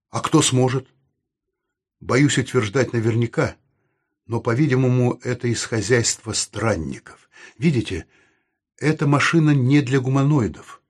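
A man reading a careful, thoughtful man with a husky voice. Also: mid-range voice, lightly acted. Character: careful, analytical man, calm and tactful. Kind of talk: audiobook character reading.

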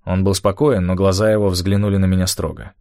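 A man narrating an audiobook in a steady, measured first-person storytelling manner. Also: low voice, no room sound, clean studio sound.

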